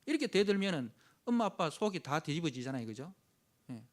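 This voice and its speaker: Male pastor, sermon, high voice, very lively swooping pitch, emphatic, acts out grumbling voices, frequent affirming interjections. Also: fairly quick. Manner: emphatic, dramatically voicing the complainers he preaches about; punctuates phrases with frequent affirming "yes" interjections.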